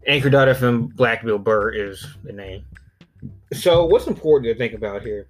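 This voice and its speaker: A man with an Alabama Southern accent hosts a casual solo podcast. He rambles conversationally and swears freely at a middling pitch. Music plays behind his voice. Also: moderate pace. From southern Alabama, United States. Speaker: podcast host.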